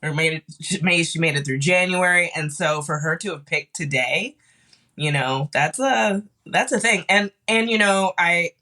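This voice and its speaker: A woman guest on a podcast, grieving and tearful, talking haltingly with many restarts. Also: fairly low pitch, sharp tone. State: grieving, cried off and on. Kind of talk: casual chat.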